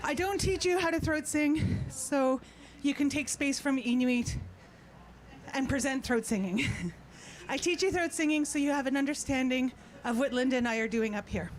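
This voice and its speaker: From an outdoor festival stage, a throat singer chats playfully with her audience and gives them informal instructions. Her voice sits high and she talks at a normal speed. The live outdoor recording has clear background noise.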